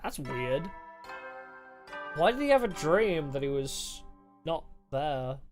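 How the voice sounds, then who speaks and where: A woman livestreamer giving casual game commentary, with animated reactions and chatty asides. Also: deep voice, slow pace. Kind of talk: casual game commentary, reading dialogue aloud. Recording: music playing behind the voice.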